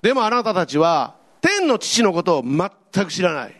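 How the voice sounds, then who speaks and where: A man playing Jesus in a church skit, speaking slowly and solemnly. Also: sits high, big pitch swings, a bit bright, slight background noise. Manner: solemn, slow declaring speech. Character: Jesus, a calm grown male teacher.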